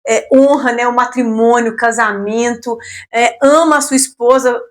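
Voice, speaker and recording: A woman's voice: fairly high pitch, fairly even intonation, normal speed. A woman with a Brazilian Portuguese accent hosting an interview, who often answers her guest with short words of agreement and encouragement. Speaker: host.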